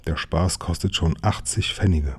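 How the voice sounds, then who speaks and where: A man's voice: sits low, moderate pace, husky. A man voicing a clever, commanding boy who leads a gang of young detectives. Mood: brisk. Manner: sharp, commanding.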